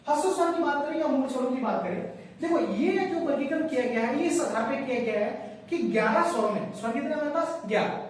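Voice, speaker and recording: A man's voice: very high-pitched, animated, fast. A male Hindi grammar teacher giving a classroom lecture. He repeats key points and quizzes his listeners. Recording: very echoey room, distant mic, faint hiss.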